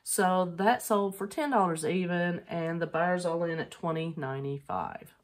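Middle-aged woman, low-ish voice, chatty home vlog, rambling with ums. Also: lively intonation, moderate pace. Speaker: online reseller vlogger. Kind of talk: casual chat showing sold items.

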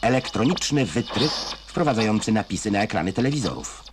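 Low-voiced, wry old newsreel narrator, male. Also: sing-song, a little fast, very noisy. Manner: wry, ironic delivery of scripted commentary. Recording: music bed behind narration. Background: music.

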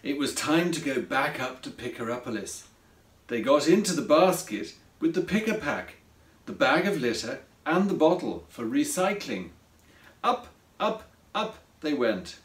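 A man who wrote the story reads it aloud slowly and expressively as children's storybook narration. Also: medium pitch. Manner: slow, expressive read-aloud. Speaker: author reading his own story. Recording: roomy echo from a distance.

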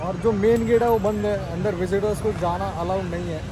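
चहकता हुआ ऊँची आवाज़ वाला पुरुष vlogger. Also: male voice, sits high, a little fast. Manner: chatty, excited, mixes English into Hindi. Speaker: travel vlogger. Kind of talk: casual travel vlog.

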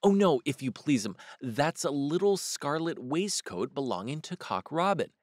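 A man's voice: on the high side, sing-song, normal speed, no echo, studio quality. A man reading a storybook aloud and voicing a humble little hedgehog washerwoman who keeps bobbing and repeating polite phrases. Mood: eager, polite.

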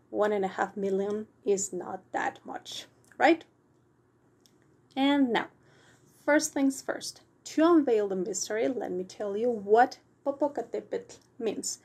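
A woman's voice: mid-range voice, darkish tone, slightly rough. A woman giving a pronunciation lesson, patient and asking the viewer questions. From Mexico. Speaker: language teacher.

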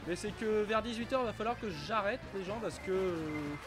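Casting: male game streamer, high voice, rambling casual chat over faint game music. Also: normal speed. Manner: chatty, stumbling, repeats himself, swears casually. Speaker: Twitch streamer playing a kart racing game.

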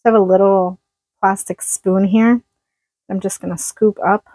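Chatty husky woman cooking on camera. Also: mid-range voice, steady tone, moderate pace, warm tone, no room sound, poor audio. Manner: chatty, laughs often, talks while working. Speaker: cooking vlogger. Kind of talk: casual cooking chat to camera. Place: small trailer kitchen indoors. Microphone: phone-plugged mic near the counter.

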